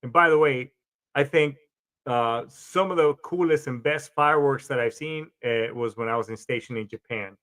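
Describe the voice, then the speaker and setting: A man's voice: mid-range voice, normal speed, a bit bright. Rambling veteran man, casual podcast talk. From Colombia. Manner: rambling, frequent restarts, casual swearing. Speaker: podcast host, Marine veteran.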